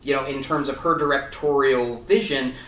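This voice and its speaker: A man hosts a fundraising video interview, speaking casually and hesitantly with many fillers and restarts. His voice is medium-pitched, fairly even, a bit bright, at normal speed, with a little hiss or hum. He's recorded a bit far from the mic in an echoey room.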